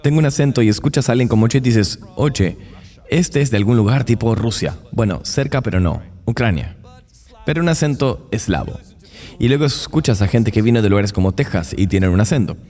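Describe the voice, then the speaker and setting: Low, mellow-voiced male preacher. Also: animated, quick pace, in a large hall. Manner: earnest, emphatic preaching with dry asides. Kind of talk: sermon.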